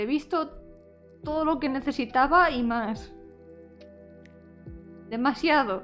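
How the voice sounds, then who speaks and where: A high-voiced woman streams as a VTuber, chatting casually with viewers in a playful way and switching between English and Spanish. Music plays in the background.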